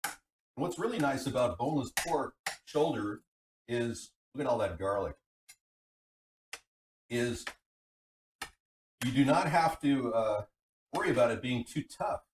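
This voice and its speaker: A man's voice: medium pitch, expressive, a little slow, long pauses. A man hosting a casual live cooking stream, rambling in a folksy way, recorded on a tinny computer microphone. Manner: rambling, folksy, breaks off to read chat. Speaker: livestream cooking host. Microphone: computer microphone, away from the mouth. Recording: tinny computer mic, distant, background noise.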